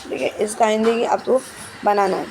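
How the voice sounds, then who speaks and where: In Hindi, a woman teacher explains English grammar questions, stepping through each answer and often checking in with "ठीक है." She reads the English questions slowly and carefully in a mid-range, fairly even voice against a noisy background.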